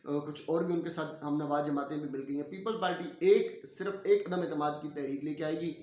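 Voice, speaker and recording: A man delivers political commentary in an opinionated, forceful way, filling pauses with hesitation sounds. His voice sits a little high for a man. The recording is roomy and echoey. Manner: opinionated, emphatic, with frequent filler sounds. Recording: roomy echo.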